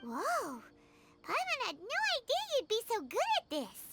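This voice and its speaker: A woman voicing a small, chatty, excitable female fairy companion in a video game. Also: very high voice, measured pace, vocal fry, loud music behind the voice, heavily acted. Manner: bubbly, excitable, speaks of herself by name.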